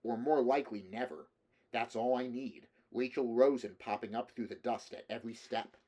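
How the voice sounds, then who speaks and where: A man's voice: mid-range voice, fairly even intonation, moderate pace, warm tone, close to an everyday voice. A man voicing a weary, curt male bounty hunter with a terse, dismissive manner.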